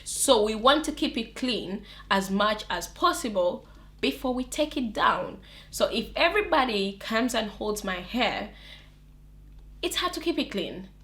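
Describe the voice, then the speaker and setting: A chatty young woman vlogger talks casually to camera in a fairly high voice at a measured pace. Her accent is non-native, though English counts as her mother tongue and she's not from England or America. She's animated, laughs often, and restarts her sentences a lot.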